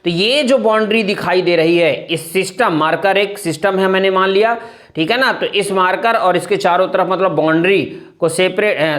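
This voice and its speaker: This man's voice is high and a bit bright as he teaches a chemistry lesson to a classroom, using terms throughout. Addressing students as "beta," he poses his own questions and answers them, with "thik hai na" coming up frequently.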